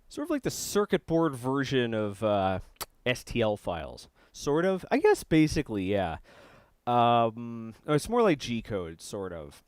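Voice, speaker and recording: A man's voice: medium pitch, no room sound. A young man on a live stream, chatting casually while he works on a circuit board, rambling and restarting his sentences. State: eating while talking. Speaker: streamer building electronics.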